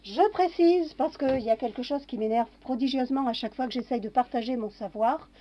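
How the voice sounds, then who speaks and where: A woman's voice: high-pitched, a little fast, a little hiss or hum. A woman casually talking through a kitchen demonstration, narrating each step with little fillers. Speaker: home cooking vlogger. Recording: dull lo-fi home recording.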